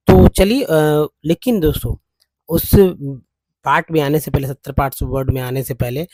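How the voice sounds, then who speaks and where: An Indian man leads a Hindi-language English lesson and sounds out each word syllable by syllable. He talks to his viewers as friends and explains things slowly and patiently, in a slightly high voice. The recording is close and dry, with no room sound. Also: a little mellow, no room sound. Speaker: English teacher.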